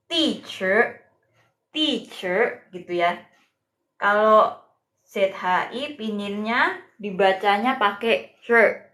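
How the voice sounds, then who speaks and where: Slow, patient woman teaching Mandarin. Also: mid-range voice, a bit bright. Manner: slow, patient, greets viewers by name. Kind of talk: live-streamed language lesson.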